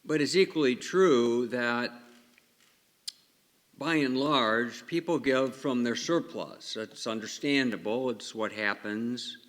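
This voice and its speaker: A man speaking as a priest at a church service, reflective and measured, with cathedral echo around his voice. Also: medium pitch, a bit bright. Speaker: priest giving the Gospel and homily. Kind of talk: liturgical reading and homily. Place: large reverberant church. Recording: cathedral echo, long reverberant church hall.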